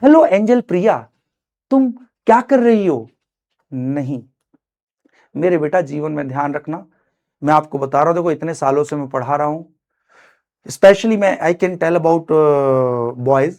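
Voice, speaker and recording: A middle-aged man teaching an online chemistry class, fatherly and animated, swinging from loud urging to quiet earnest advice and mixing English phrases into his speech. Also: fairly high pitch, a little slow. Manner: mixes English phrases into his speech, calls students son. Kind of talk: live online lecture pep talk.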